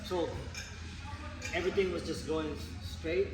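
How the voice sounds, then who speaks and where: A man hosting a casual interview, laid-back and slangy, and quick to laugh. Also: fairly high pitch, fairly even intonation. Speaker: podcast host. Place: indoors in the Philippines. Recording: roomy sound with loud background noise.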